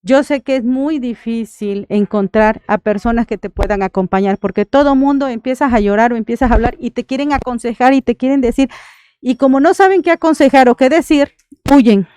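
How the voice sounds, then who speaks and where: A woman's voice: on the high side, brisk, a little mellow, smooth, no echo, clean studio sound. A Mexican woman, a thanatologist, giving earnest advice on a radio interview and often checking in with her listener. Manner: earnest, checks in with frequent "right?". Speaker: thanatologist guest.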